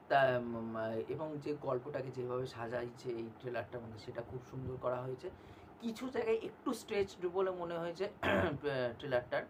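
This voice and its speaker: A man talks casually through a film trailer review in a mid-range voice. He hesitates often, filling pauses with "uh" and "um." A faint hiss of noise sits under the recording. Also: mid-range voice. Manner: conversational, hesitant with frequent fillers.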